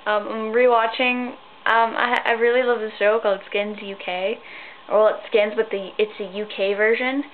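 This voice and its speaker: A sixteen-year-old girl vlogging at night in her bedroom, rambling and tired, with sudden squeals of excitement. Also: mid-range voice, moderate pace. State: tired, sleepy. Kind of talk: rambling casual vlog. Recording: tinny phone-like sound, faint hiss.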